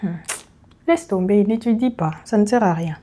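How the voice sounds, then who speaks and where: A woman's voice: mid-range voice, normal speed, warm tone, a little hiss or hum, lightly acted. A woman voicing a coaxing tempter voice. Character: discouraging tempting inner voice, coaxing.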